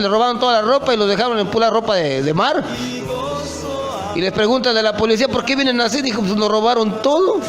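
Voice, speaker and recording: A man preaching an impassioned sermon, often calling out to his listeners as brothers. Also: extremely high pitch.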